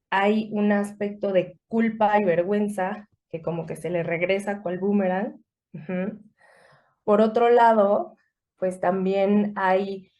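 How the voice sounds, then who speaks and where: Slow, measured woman therapist. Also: mid-range voice, a little mellow. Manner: measured, explanatory, many fillers. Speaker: psychotherapist guest. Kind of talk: clinical explanation in conversation.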